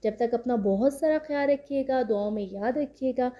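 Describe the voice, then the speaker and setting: A woman with a Pakistani Urdu accent giving an online Quran reading lesson, patiently drilling each syllable slowly and repeating it. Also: on the high side, lo-fi sound. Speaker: Quran recitation teacher.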